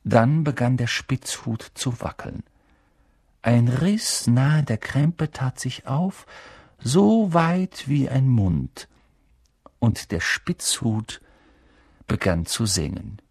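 Slow, calm man reading a story. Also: medium pitch, slightly rough, no room sound, studio quality. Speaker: narrator. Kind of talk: audiobook reading.

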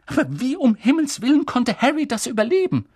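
A reader voicing a stern older female witch professor, high-pitched and urgent, with a husky edge. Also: sing-song, fairly quick, darkish tone, dry recording, studio quality, heavily acted. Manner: urgent, pressing, high and insistent.

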